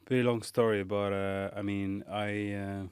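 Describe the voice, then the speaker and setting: Male podcast guest, low voice, smooth and clear, dry close sound; hesitant, reflective delivery. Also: flat delivery, darkish tone, no echo. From Morocco. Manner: thoughtful, halting, many fillers. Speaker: guest, pastry chef. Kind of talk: casual interview.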